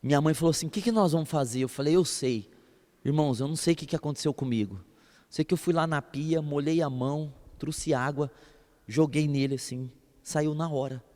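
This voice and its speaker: A man preaching a sermon as a pastor, telling stories in an animated way and acting out voices. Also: fairly high pitch, a little fast, big-room sound. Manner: animated storytelling, acts out voices and laughs.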